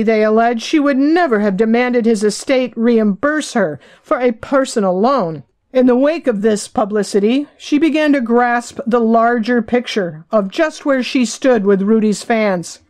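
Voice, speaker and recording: A woman with a somewhat high voice reads her own biography aloud. Her delivery is measured and even, steady audiobook storytelling. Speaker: author reading her own book. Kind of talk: audiobook narration.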